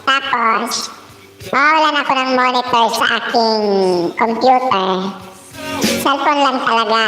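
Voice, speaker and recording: A woman chatting casually on a live stream, reading out viewer comments. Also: high-pitched. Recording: echoey room with music behind.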